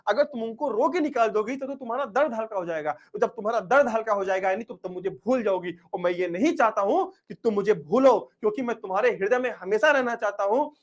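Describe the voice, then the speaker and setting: A man's voice: high-pitched, lively intonation, quick pace, few pauses. A man acting out a young lover who tenderly begs his beloved not to cry at their parting. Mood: tender pleading. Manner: tender, pleading, earnest.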